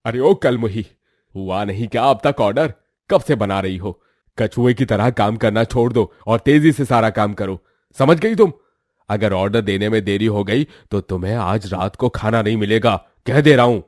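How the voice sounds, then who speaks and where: A man voicing a cruel, bullying middle-aged uncle who threatens loudly. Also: fairly low pitch, lively intonation, moderate pace, no echo, studio quality, lightly acted. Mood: threatening. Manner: loud, threatening.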